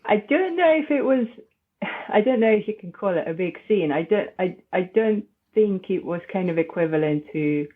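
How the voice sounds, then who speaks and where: A woman's voice: mid-range voice, animated, normal speed. Hesitant woman on a tinny line. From Hungary. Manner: hesitant, many restarts and fillers, thoughtful. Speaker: podcast guest. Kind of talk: conversational interview. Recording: tinny phone-like remote line.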